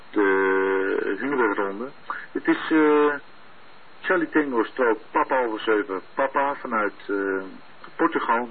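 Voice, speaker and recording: A radio amateur, a man, calls in over a two-way radio and talks in a hesitant way with many filler sounds. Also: medium pitch. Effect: heard over a two-way radio. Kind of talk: casual on-air greeting. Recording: tinny radio channel with faint hiss.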